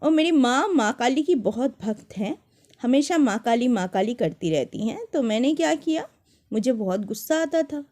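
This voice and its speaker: A young woman telling personal stories to viewers in a casual, animated way, often restarting her sentences. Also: fairly high pitch, normal speed. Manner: animated, dramatic retelling with many restarts. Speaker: storyteller.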